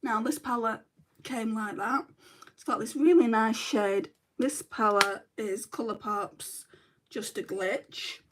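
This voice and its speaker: A middle-aged woman from northern England, with a matching accent, chats casually during a makeup livestream, reading out comments and muttering to herself as she works, and says she is in back pain. She is chatty and self-deprecating. Her voice is fairly high and slow, against a noisy background.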